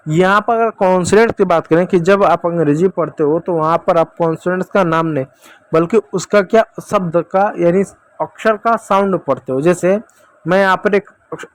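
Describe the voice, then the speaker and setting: High-voiced man teaching kids phonics. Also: no room sound. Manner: patient, asks questions then answers them; repeatedly addresses kids as dear children. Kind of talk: children's English phonics lesson.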